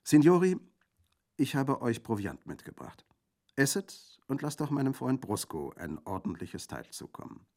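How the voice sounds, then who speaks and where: A man voicing a cheerful young Corsican woman in a radio reading, lively and bright. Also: low voice, a little fast, creaky, hardly any pauses, heavily acted.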